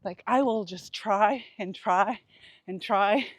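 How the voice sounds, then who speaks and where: A woman records a casual, personal vlog while out running. Her pitch sits in the middle and she speaks slowly, pausing between short phrases. The sound is dry, and her way of talking is candid and introspective. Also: no room sound. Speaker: vlogger.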